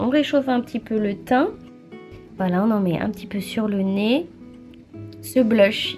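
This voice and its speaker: Chatty young woman, mellow voice. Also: mid-range voice. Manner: chatty, relaxed, many fillers. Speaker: vlogger. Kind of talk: casual vlog voice-over.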